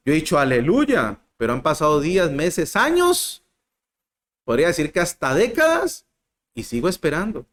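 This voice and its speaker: A man preaching a sermon to a group, asking them questions and swinging between loud emphatic lines and soft low ones. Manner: addresses listeners directly, asks rhetorical questions.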